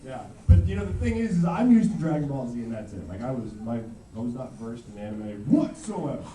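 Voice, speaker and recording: A man's voice: medium pitch, sing-song, a little fast. A young man telling anecdotes to a convention audience, acting out quoted dialogue and laughing often. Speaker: voice actor on a convention panel. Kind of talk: storytelling to an audience. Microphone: handheld camera in the audience. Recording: echoey hall taped from far off, loud noise.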